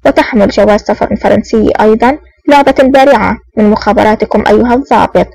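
A woman's voice: medium pitch, fast, creaky, darkish tone, low-quality recording. A woman voicing a cruel, sneering older male villain agent in an audiobook, threatening and blunt. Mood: menacing.

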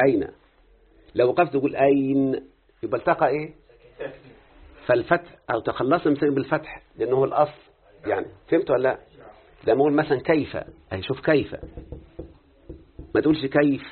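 A man's voice: medium pitch, breathy edge. A man with an Egyptian accent teaching Quranic readings and Arabic grammar in a live lesson, checking that his student follows with frequent questions. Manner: quick explaining, checking understanding with questions. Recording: tinny phone-like lo-fi recording.

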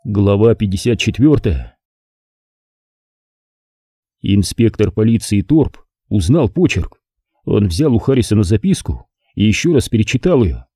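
A man narrating a crime novel as an audiobook in a measured, expressive reading, close to the mic. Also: mid-range voice, slightly rough, no echo.

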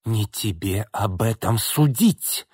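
A weary, stern mother, read by a man, speaking quietly and holding herself back. The tone stays low and controlled, in a dry, close recording. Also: measured pace, breathy edge, dry recording. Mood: restrained. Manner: quiet and restrained. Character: tired, stern middle-aged mother. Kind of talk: audiobook character voice.

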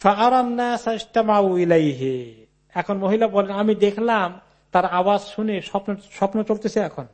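A man giving an Islamic sermon, reading Arabic slowly and then explaining it in a casual, chatty way. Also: high-pitched, darkish tone. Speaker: Islamic preacher.

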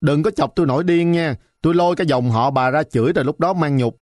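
Guy playing a skinny mouthy boy, high and talking back. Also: brisk, no echo, clean studio sound, close to an everyday voice. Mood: defiant. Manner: defiant, mocking. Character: skinny, defiant young boy, hot-tempered.

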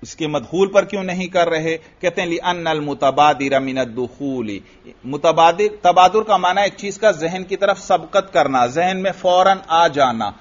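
High-voiced man teaching grammar. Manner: asks students questions and answers them himself; reads Arabic text then explains it. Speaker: Islamic scholar teaching Arabic grammar. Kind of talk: classroom lecture. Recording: dull lo-fi lecture recording.

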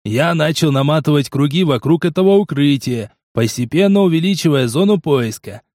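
A man reading the part of a gruff, sarcastic male mercenary partner in an audiobook. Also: fairly high pitch, animated, normal speed, darkish tone, no echo, clean studio sound, close to an everyday voice.

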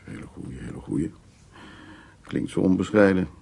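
This deep male voice belongs to an actor cast as a middle-aged art restorer: worldly, confident and flirtatious, speaking unhurried, familiar phrases in a naturalistic radio play. The delivery is exaggerated and lively in intonation, with vocal fry and a darkish, slightly rough tone. The mood is one of relaxed self-assurance.

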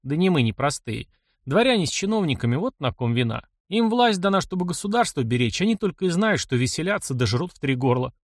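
Man playing a moody young peasant guy, blunt, animated pitch, dry close sound. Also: fairly quick, no echo. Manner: blunt, grumbling. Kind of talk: audiobook character voice.

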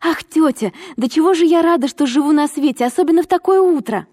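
An eager little girl, bubbly and breathless, as a woman reader puts her on. Her voice sits high and stays mellow rather than bright, and the storybook reading rings with a long reverb. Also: expressive, moderate pace. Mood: excited.

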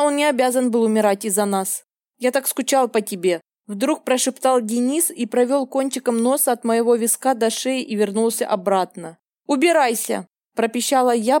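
A young woman narrating a first-person audiobook story with an emotional, expressive reading. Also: on the high side, no echo, clean studio sound.

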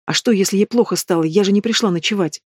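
A man's voice: high-pitched, fast, darkish tone, husky, no echo, clean studio sound. A man voicing a frightened but defiant young woman in an audiobook, shaken and snapping back. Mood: pleading. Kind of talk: audiobook reading.

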